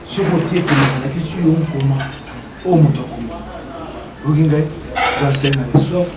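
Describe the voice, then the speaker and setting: A man's voice: fairly high pitch, moderate pace, heavy background noise. Emphatic man, echoey and distant. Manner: emphatic, repeats phrases, rhetorical questions. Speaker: interview guest. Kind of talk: animated interview talk, mixing French and Lingala.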